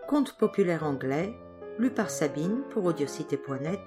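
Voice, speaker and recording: Woman audiobook reader, folk tale narration, lively melodic intonation, slightly low voice. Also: moderate pace, music in the background. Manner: expressive storytelling.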